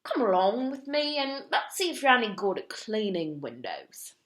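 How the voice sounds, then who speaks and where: A woman voicing a pompous, hot-tempered old duke who bellows and shouts. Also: a little high, very animated, moderate pace, pitched above the performer's own voice. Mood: grudging. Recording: echoey room.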